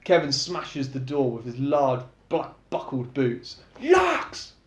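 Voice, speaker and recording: A man's voice: mid-range voice, measured pace. A young man reading his own book aloud, narrating in a casual, chatty way with asides to listeners. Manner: casual, chatty, laughs between chapters. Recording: echoey room.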